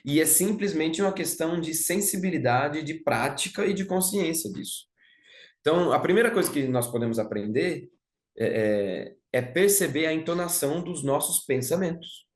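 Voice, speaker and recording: A man's voice: fairly high pitch, lively intonation, moderate pace. Young man, Brazilian Portuguese accent, reflective lecture, roomy echo. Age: young adult. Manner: thoughtful, with frequent "né?" and restarts. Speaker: speaker giving a talk on music.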